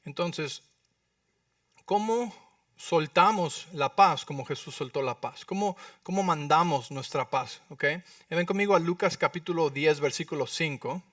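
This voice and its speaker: A male pastor preaching a sermon, acting out prayers and dialogue with sudden loud outbursts and often asking the congregation questions. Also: on the high side, unhurried, dry recording, clean studio sound, recorded from a distance. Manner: asks the congregation for agreement with frequent rhetorical questions. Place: church.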